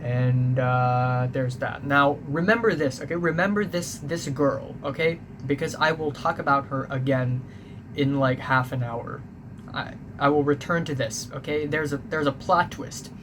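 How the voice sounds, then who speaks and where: This young adult vlogger's voice is medium-pitched and a little slow. Hailing from Hong Kong, he speaks Cantonese natively and English with a Hong Kong accent, telling a loose, rambling story he keeps correcting, peppered with swearing. The recording has noticeable background noise.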